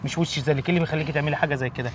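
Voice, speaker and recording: A man's voice: a little high, fairly even intonation, very fast, natural voice. A man playing a frantic Egyptian father. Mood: stern lecturing. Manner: loud and exasperated, then stern lecturing. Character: anxious father, quick-tempered but kindly. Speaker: actor in a comedy skit. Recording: noisy outdoor street.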